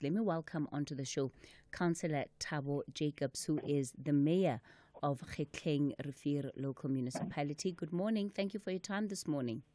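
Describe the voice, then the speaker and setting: A woman hosting a radio talk show, with a smooth host's delivery as she introduces the topic and welcomes guests in the studio. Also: deep voice, mellow, no echo. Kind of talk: smooth radio host presentation. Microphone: studio microphone.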